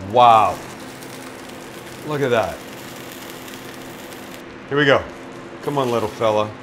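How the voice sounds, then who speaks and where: Speaking slowly with lively intonation, this middle-aged chef has a medium-pitched, slightly bright voice, and a little hiss or hum is audible. He hosts a casual cooking demonstration in a small restaurant kitchen, cracking blunt jokes and swearing freely.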